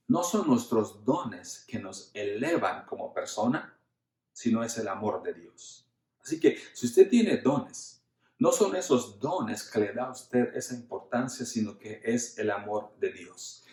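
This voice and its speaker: A man's voice: fairly low pitch, darkish tone, roomy sound. A man preaching a sermon earnestly, repeating words for emphasis and addressing the congregation as brothers. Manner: earnest, addresses listeners formally as usted and hermanos. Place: church.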